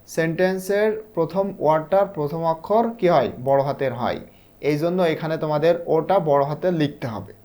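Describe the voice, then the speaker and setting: A male English teacher with a Bangladeshi Bengali accent, explaining a textbook lesson step by step. He reads the English lines slowly and answers his own questions. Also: a little high, a little mellow.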